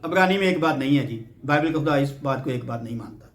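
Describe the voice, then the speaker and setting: A man's voice: mid-range voice, animated. A man from Pakistan giving a Bible teaching lecture, explaining step by step and checking in with rhetorical questions. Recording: roomy echo.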